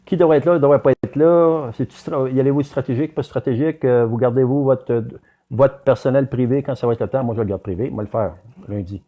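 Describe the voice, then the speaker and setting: A man's voice: mid-range voice, a little fast, phone-quality sound. A man with a Québécois French accent hosting a live stream, reading viewer comments aloud and chatting straight to his audience. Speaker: livestream host.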